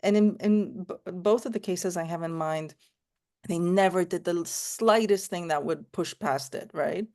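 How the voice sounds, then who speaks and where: Born in Romania and raised in Canada, a woman tells personal stories during a casual panel discussion, thoughtful and often restarting or saying "you know." Her voice is fairly low, a little mellow, and measured in pace.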